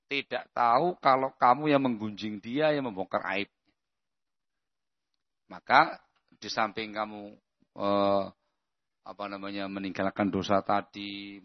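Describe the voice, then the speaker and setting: A man preaching an Islamic lesson in a conversational way, often checking that listeners understand. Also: fairly low pitch. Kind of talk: religious lesson with Q&A. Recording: muffled lo-fi lecture recording.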